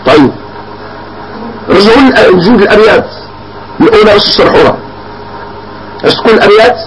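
A man's voice: high-pitched, lively intonation, quick pace, a crowd in the background, low-quality recording. A man with a Moroccan accent teaching a grammar lesson, often quizzing his students with repeated questions. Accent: Moroccan Arabic. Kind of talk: classroom lesson.

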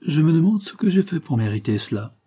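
A tender, modest young mother with a soft, wistful way of speaking, as a male reader puts her on. The voice sits higher than a plain man's reading and stays husky. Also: big pitch swings, quick pace. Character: young widowed mother, gentle, melancholy. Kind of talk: audiobook character voice.

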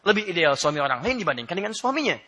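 Bright-voiced animated male preacher. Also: high-pitched, rapid-fire, slightly rough. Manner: animated, joking with the audience, rising to loud laughing emphasis; addresses listeners directly. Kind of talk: Islamic sermon.

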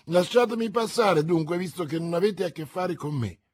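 A man doing a husky, commanding foreign duke. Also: high-pitched, expressive, normal speed, dry recording, studio quality, pitched above the performer's own voice. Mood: haughty.

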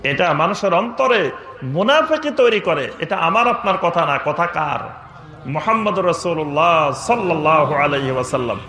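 A man's voice: a little high, lively intonation, moderate pace, bright, forceful tone, roomy sound. A man preaching a sermon with fiery emphasis, chanting Arabic quotations in a sung tone. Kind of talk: Bengali waz sermon.

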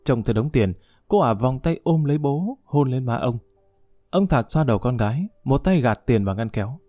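A man narrating an audiobook in a calm, even storytelling manner. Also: medium pitch, moderate pace, dry recording, faint music behind.

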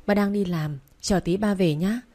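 This is a young mother in a spoken novel, voiced by a woman narrator. She talks softly and coaxingly to her small child. The voice is mellow and warm, pitched at an everyday level. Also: normal speed, natural voice. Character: young mother, gentle and anxious.

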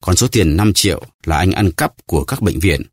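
A man's voice: low-pitched, animated, normal speed, darkish tone, breathy edge, no echo, studio quality. Man voicing Edmond Dantes, a solemn avenger. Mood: grave. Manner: solemn, grave. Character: stern vengeful nobleman, solemn and commanding.

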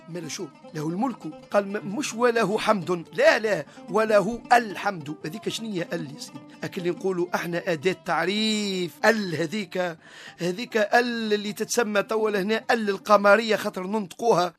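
High-voiced Tunisian sheikh teaching. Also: male voice, fairly bright tone. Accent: Tunisian Arabic. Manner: explanatory, asks and answers his own questions. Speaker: religious teacher. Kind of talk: radio religious lesson.

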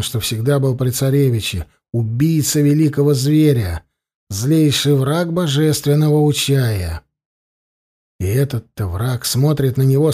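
A man narrating an audiobook in a measured, expressive storytelling manner. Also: mid-range voice, slightly rough.

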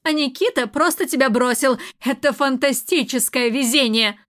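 A sharp-tongued middle-aged aunt, read by a woman in an audiobook, sarcastic and lecturing. The voice sits high. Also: moderate pace. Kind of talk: audiobook character reading.

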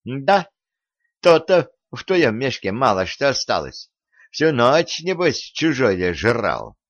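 Guy doing a bratty teenage boy, sharp-tongued and quarrelsome, dry dull audiobook recording. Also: mid-range voice, big pitch swings, takes it slowly, no room sound, voice pushed up, heavily acted. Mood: angry. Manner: haughty, quarrelsome, raising his voice.

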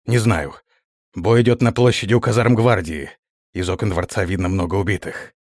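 A man's voice: low voice, normal speed, no echo, clean studio sound. A man voicing a formal, rule-bound palace guard officer who speaks steadily. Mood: dutiful, formal. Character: dutiful, stiff male palace guard officer.

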